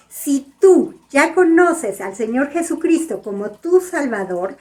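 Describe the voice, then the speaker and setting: Woman, children's Bible lesson, gentle questions, slow, higher voice. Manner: gentle, asks the kids "¿sabes?". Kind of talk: Bible story told to children.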